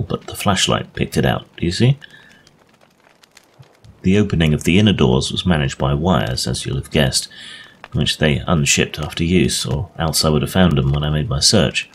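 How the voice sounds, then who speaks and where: Speaking at a normal speed, a man with an extremely deep voice plays a friendly gentleman ghost hunter laying out his case. The explanation is conversational yet worded like an old-fashioned storybook, with clear recording noise audible behind it.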